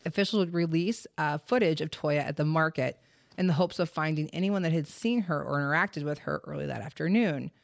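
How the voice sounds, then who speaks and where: A woman's voice: low-pitched, brisk, gravelly, no echo, clean studio sound. A woman hosting a casual true-crime podcast, reading case details and stumbling now and then over place names. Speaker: podcast host.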